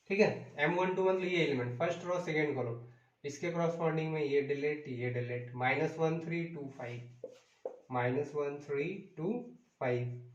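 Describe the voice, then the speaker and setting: Male math teacher, higher voice, quizzes class, echoey room with a dull, muffled sound. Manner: calls out sums and asks the class questions; mixes English into Hindi. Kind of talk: math lesson.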